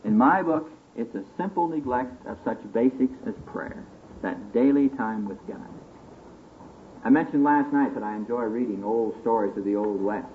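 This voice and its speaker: A man giving a folksy, conversational sermon to a group, full of stories and questions to his listeners, at times rising to booming motivational calls. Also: moderate pace. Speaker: preacher at a church retreat session. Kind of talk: sermon, conversational teaching with storytelling. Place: live talk to a seated group. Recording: tinny band-limited old recording with hiss.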